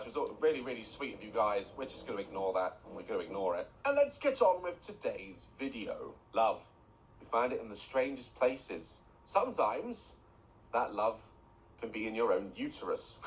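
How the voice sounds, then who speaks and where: Hosting a casual reaction video at home, a man with a fairly low, very animated voice rants bluntly and jokingly, swearing freely, at a moderate pace. A bathroom is being redone nearby, so loud building noise fills the low-quality recording.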